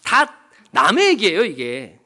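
Casting: male pastor, church sermon, high and bright, animated storytelling with questions to the congregation. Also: unhurried. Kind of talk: sermon at a Wednesday prayer meeting.

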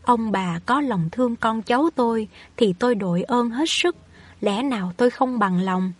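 A woman's voice: fairly high pitch, moderate pace, no echo, lightly acted. Lady reading a shy poor mother, deferential and thankful, dry close mic.

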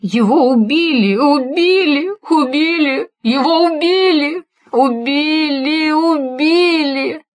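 A woman's voice: high-pitched, takes it slowly, hardly any pauses, soft background music, voice pushed up. A woman voicing a panicked, tearful young woman in an audiobook, pleading in desperation. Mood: hysterical.

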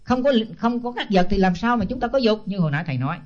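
A man's voice: sits high, animated, fast. An older man, a senior Buddhist monk giving a blunt, scolding sermon full of rhetorical questions. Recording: dull lo-fi tape.

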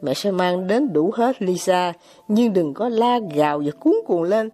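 A woman's voice: lowish voice, expressive, unhurried, warm tone, faint music behind, pitched below the performer's own voice. A woman playing a hysterical, gushing society mother. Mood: soothing fussy. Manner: gushing, melodramatic exclamations. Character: fretful, hysterical aristocratic mother, middle-aged. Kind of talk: audiobook character voice.

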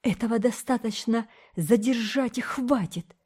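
A woman's voice: fairly high pitch, measured pace, a little mellow, slightly rough, pitched above the performer's own voice. A woman voicing a stern older male gold digger who gives curt commands. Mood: angry.

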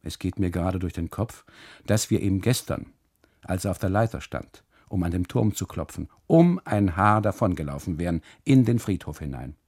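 An actor playing a brooding, ironic German husband who narrates a radio drama monologue in long ornate sentences. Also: male voice, low voice, animated, moderate pace, a little mellow, breathy edge, no echo, clean studio sound, full character voice. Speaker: first-person narrator.

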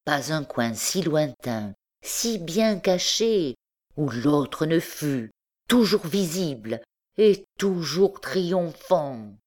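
A woman reading literary fiction aloud as an audiobook narrator, measured and with dramatic pauses. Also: low-pitched, big pitch swings, darkish tone. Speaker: audiobook reader.

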